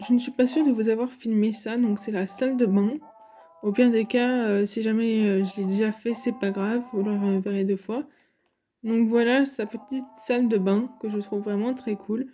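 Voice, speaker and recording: A woman's voice: a little high, fairly even intonation, normal speed, mellow, faint music behind. A woman giving casual, chatty commentary over game footage, hesitant and full of fillers. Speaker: gaming YouTuber.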